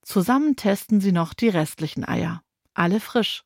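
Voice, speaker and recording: Brief: female narrator for a children's audiobook, gentle and clear, dry studio sound. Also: mid-range voice, animated, normal speed, no echo.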